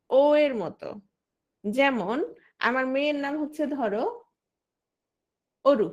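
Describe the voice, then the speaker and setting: A woman teaching an exam-prep language lesson. She keeps asking her students questions, answers them herself and calls on students by name. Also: sits high.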